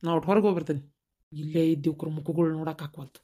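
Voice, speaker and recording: A woman voicing the brooding spirit of an older husband, muttering his laments in a low voice with a North Karnataka accent. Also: steady tone, racing, dark tone, breathy edge. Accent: North Karnataka Kannada.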